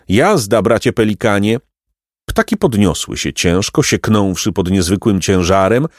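A man narrating a children's storybook in an expressive, lyrical reading. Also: deep voice, no room sound, clean studio sound. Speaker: audiobook narrator.

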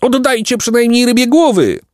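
Wailing greedy storybook pelicans, high and whiny, a man voicing them. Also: big pitch swings, moderate pace, darkish tone, no echo, clean studio sound. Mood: whining. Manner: whining, theatrical lamenting.

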